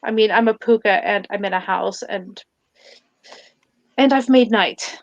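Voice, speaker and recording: A woman in a tabletop role-play, narrating her character's actions and speaking as her, with halting restarts and fillers. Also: medium pitch, no room sound, muffled recording.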